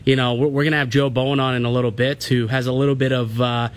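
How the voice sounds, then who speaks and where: Medium-pitched man in casual sports talk. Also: flat delivery, quick pace. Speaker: sports radio co-host.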